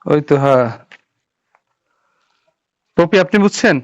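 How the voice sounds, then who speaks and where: In this classroom lesson, a Bengali-speaking man walks students step by step through Japanese writing strokes, making sure they follow. He talks slowly in a higher voice with lively intonation, captured in dull, lo-fi audio.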